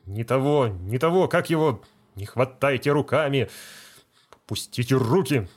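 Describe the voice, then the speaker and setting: A man's voice: mid-range voice, animated, unhurried. A man playing a pompous, self-important village medical assistant who lectures and scolds. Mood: lecturing.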